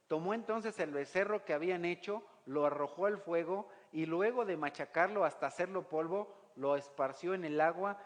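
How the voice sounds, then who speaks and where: Pastor preaching in a reverberant hall. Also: male voice, on the high side. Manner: rhetorical questions to the congregation, reads scripture aloud. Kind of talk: sermon.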